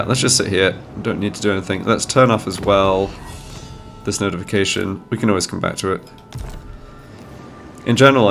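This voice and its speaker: Fairly low-pitched yet fairly bright, this man's voice carries vocal fry and a slight nasal quality from his cold. He hosts a gaming channel and gives relaxed commentary on a strategy game, reasoning aloud as he explains each move.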